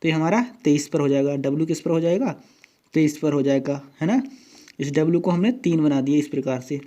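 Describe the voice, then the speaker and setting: Guy teaching at a whiteboard, kinda high voice, keeps checking in with the class. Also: darkish tone. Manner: repeats "dosto" and "theek hai" often, spells out words slowly. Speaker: exam coaching teacher. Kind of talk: whiteboard tutorial lesson.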